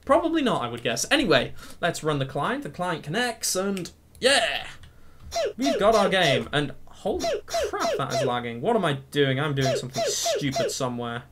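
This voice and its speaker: A man's voice: a little high, huge pitch swings, normal speed, very noisy. A man hosting a coding tutorial, hyper from energy drinks and rambling along, mocking himself as he goes. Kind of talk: rambling screen-recorded tutorial chat.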